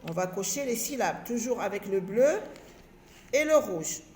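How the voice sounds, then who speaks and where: Slow, patient woman teaching reading. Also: mid-range voice, animated, darkish tone, slight background noise. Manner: patient, repeats and stretches out words syllable by syllable. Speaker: primary school teacher. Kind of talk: reading-lesson walkthrough for young children. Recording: echoey room.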